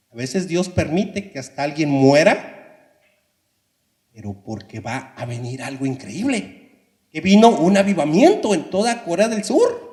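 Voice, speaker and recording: A man's voice: high voice, a little mellow. A male pastor preaching an impassioned sermon in a church, often addressing the congregation. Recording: echoey church hall reverb.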